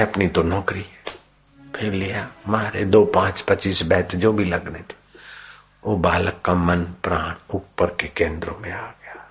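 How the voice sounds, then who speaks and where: Guy preaching a sermon, acts out the story parts, real slow, kinda muffled recording. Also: sits low, a bit bright. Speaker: spiritual preacher. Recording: dull lo-fi recording with faint music.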